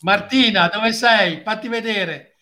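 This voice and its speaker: A man's voice: high-pitched, slow, pushed and bright. A man hosting a casual live talk show, teasing and prodding his guests.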